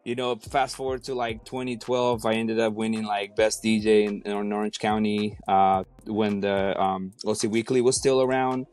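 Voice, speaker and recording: A man's voice: fairly low pitch, level tone, normal speed, hardly any pauses, a little mellow. A man in his thirties from Mexico City, a DJ and rapper talking casually as an interview guest, with many fillers and restarts.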